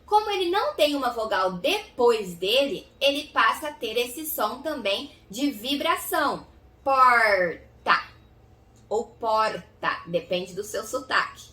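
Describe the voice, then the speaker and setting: A woman with a Goiás Brazilian accent teaches children to read. Her voice is high, bright and very lively as she stretches out each sound. She is recorded a bit off-mic in a roomy, echoey space. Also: distant mic. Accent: Goiás Brazilian Portuguese. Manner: slow, exaggerated sound-by-sound enunciation. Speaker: literacy teacher. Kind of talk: children's phonics lesson.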